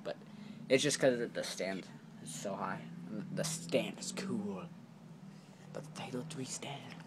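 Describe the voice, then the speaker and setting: A man's voice: fairly low pitch, noisy background. A man casually reviewing action figures on camera, rambling with lots of fillers and apologies. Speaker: toy reviewer. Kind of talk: casual toy review vlog.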